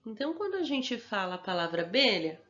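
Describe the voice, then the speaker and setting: A woman's voice: medium pitch, sing-song, fairly quick, fairly bright tone, lo-fi sound. A woman teacher with a Brazilian Portuguese accent, giving a recorded lesson to young children and patiently sounding out words syllable by syllable.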